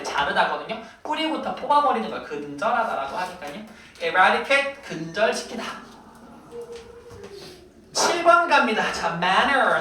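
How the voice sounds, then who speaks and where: A lively, animated teacher runs a vocabulary lesson, and the pitch leaps all over as they tease and quiz the class. The voice is bright and sharp, and it rings through a very echoey classroom from well back from the mic. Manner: playful, teasing, quizzes students. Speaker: English teacher. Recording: very echoey room, voice far from mic.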